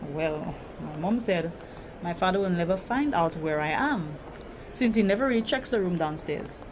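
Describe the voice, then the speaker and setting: In a drama, a woman plays a hurt, troubled grown daughter, speaking earnestly and confidingly about feeling trapped, her frustration showing. Her voice is lowish, natural and at normal speed. The location sound is noisy, with steady ambience.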